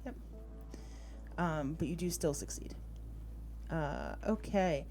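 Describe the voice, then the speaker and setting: A woman acting as game master in a tabletop roleplaying game talks casually through the rules, thinking aloud as she checks rules and rolls. Her voice sits low, sing-song and a little mellow, and she takes it slowly, recorded over background music.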